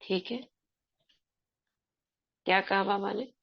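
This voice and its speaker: A woman's voice: medium pitch, fairly even intonation, slow, vocal fry, dull audio, slight background noise. A woman explaining a spiritual text to a class in a conversational way, quizzing her listeners.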